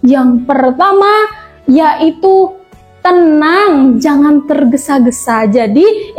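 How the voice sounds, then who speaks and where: A woman's voice: high voice, a little mellow. A young woman presenting a tutorial on speech delivery, chatty and friendly, with frequent fillers as she explains.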